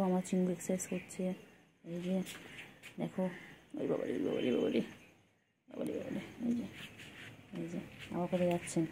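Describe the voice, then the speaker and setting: A woman's voice: mid-range voice, background noise. A woman filming her pet cat at home, talking to it in repetitive, sing-song baby talk.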